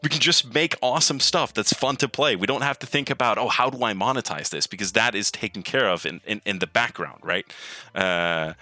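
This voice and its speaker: A man's voice: fairly low pitch, brisk, pushed and bright, no room sound. A man being interviewed about his work as a game programmer, talking casually and enthusiastically with many restarts and repeated words. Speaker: lead gameplay programmer, guest.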